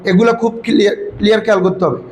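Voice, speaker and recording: A man with a high voice leads an Arabic grammar lesson in call-and-response style, firing questions for students to repeat back. He is recorded in an echoey classroom. Faint noise sits behind him. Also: fairly even intonation, racing, a little mellow. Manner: prompts students to repeat answers, calls them "babara". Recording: echoey room with background noise.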